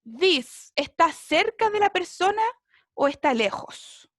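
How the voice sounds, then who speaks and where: A woman's voice: very high voice, sing-song, slow pace, a bit bright, dry recording, studio quality. A woman, teaching a basic English class online, explaining patiently and checking in often.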